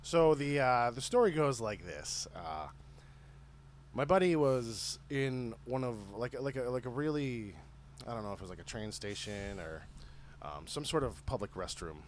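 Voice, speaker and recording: A man's voice: medium pitch, animated, moderate pace, a little hiss or hum. Laughing, cursing podcast guy. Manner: rambling storyteller, laughs often, swears freely. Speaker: podcast co-host. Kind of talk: casual chat.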